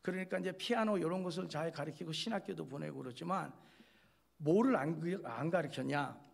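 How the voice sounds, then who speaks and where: A man's voice: on the high side, a little fast, creaky. A male pastor giving a chatty, joking sermon, speaking straight to his listeners and acting out little quoted scenes.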